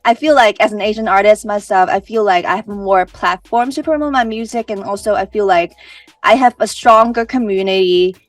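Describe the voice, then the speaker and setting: A woman's voice: medium pitch, a little fast, dry recording, recorded from a distance. A young woman from Hong Kong with a Hong Kong accent, Cantonese her first language, answering interview questions casually and often restarting her sentences. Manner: chatty, with many "like" fillers and restarts. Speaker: singer-songwriter guest.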